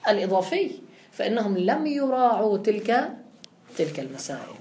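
A woman's voice: fairly high pitch, reverberant. A woman giving a classroom lecture, explaining step by step and putting questions to her students before answering them. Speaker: teacher.

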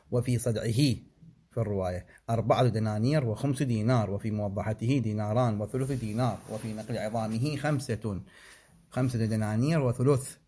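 Guy teaching religious law, reads out the text slow and steady then explains bits, kinda low voice. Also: slightly rough. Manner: measured recitation of figures with asides and self-corrections. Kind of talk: seminary lecture, reading and explaining a text.

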